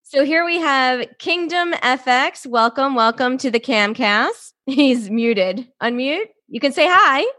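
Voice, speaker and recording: A woman's voice: high voice, animated, takes it slowly, hardly any pauses, sharp tone. A woman hosting a podcast interview over a video call, chatty and improvising. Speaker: podcast host.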